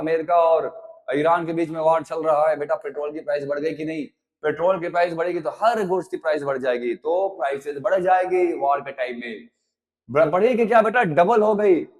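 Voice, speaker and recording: A male teacher giving a history lesson, mixing Hindi and English, calling students 'beta' and asking if they follow. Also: on the high side. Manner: mixes Hindi and English, calls students 'beta', keeps checking "haan ya na?". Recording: long reverb, echoey room.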